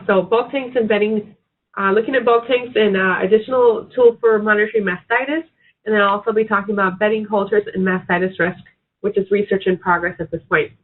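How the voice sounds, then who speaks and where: A sick woman veterinary researcher with a raspy voice, presenting a webinar with hesitant ums and restarts. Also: medium pitch. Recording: tinny phone-like webinar audio.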